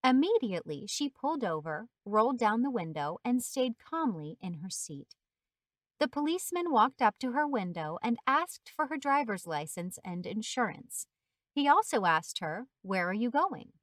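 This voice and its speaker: A woman narrates a short story in a steady, earnest reading voice. Her voice is on the high side, recorded close with a dry, dead sound and no room echo. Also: moderate pace.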